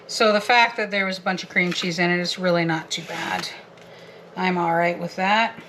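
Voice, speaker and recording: A woman's voice: lowish voice, steady tone, moderate pace, a bit bright, a little hiss or hum. A woman from Canada chatting casually to viewers as she cooks in her home kitchen, with a giggly manner. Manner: chatty, giggly, talks to viewers while working. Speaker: homestead vlogger. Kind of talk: casual cooking vlog.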